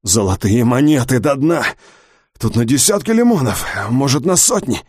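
A man voicing a rough, crude male treasure hunter who barks orders and swears. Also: mid-range voice, lively intonation, moderate pace, a little mellow, no room sound, clean studio sound. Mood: elated. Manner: gruff, swearing, barked orders.

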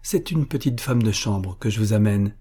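A man's voice: fairly low pitch, lively intonation, normal speed, dark tone, husky. A man reading aloud, voicing a cheerful young student speaking to his mother in a light tone. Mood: cheerful, pleading.

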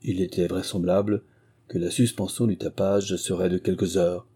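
Husky dark-voiced male narrator. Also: low voice, level tone, normal speed. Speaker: audiobook narrator. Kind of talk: scripted narration.

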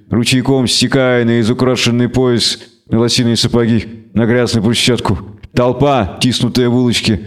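A man's voice: mid-range voice, clear, resonant tone. Man narrating a dramatic audiobook.

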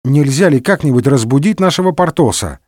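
A man's voice: on the high side, expressive, a little fast, a little mellow, dry recording. A man voicing a dry, wry male musketeer in a storybook reading. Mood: irritated.

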